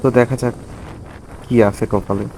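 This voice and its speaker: A man with a Bangladeshi accent chats reflectively to viewers while riding, his voice coming from inside a motorbike helmet in a casual vlog. He speaks at a normal speed with a medium-pitched, steady, gravelly, slightly mellow voice, and the rough recording has a little hiss or hum.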